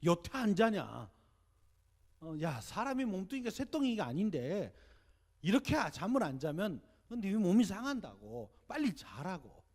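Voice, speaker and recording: A man acting out a caring but nagging old mother who scolds loudly in a high voice. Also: very animated, measured pace, long reverb tail, full character voice. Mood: fussing.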